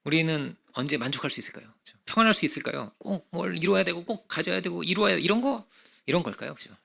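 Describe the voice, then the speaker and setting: Brief: male pastor, sermon, raised pitch, gravelly and bright, chatty with rhetorical questions. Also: fast. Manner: conversational preaching with frequent rhetorical questions; acts out children's voices in animated bursts.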